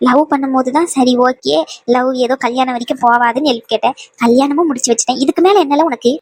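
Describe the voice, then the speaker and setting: A woman's voice: high voice, fast, a little mellow, breathy edge. A woman voicing a wise old grandmother in a cartoon, scolding and advising by turns. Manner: scolding yet soothing, full of advice. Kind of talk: cartoon voice acting.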